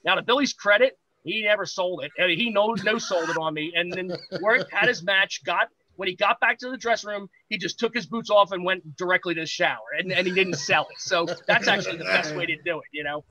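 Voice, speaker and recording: A man guesting on a podcast, a pro wrestler telling a lively backstage anecdote and acting out what others said. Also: high-pitched, fairly quick, hardly any pauses, low-quality recording. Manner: lively anecdote-teller, acts out quoted voices. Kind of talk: animated storytelling.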